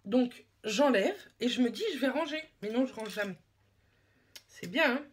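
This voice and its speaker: Expressive and fairly high-pitched with a breathy edge, a young French beauty vlogger talks at normal speed while doing her makeup at home. She rambles casually, mocking herself in slang.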